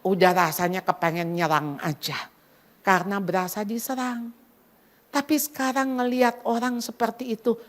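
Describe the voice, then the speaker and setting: Animated middle-aged woman preaching to a packed church. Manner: animated, dramatizes inner voices and prayers with big pitch swings; addresses listeners as "saudara", mixes in English phrases. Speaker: women's ministry speaker. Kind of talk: sermon. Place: packed church hall at a Christmas event.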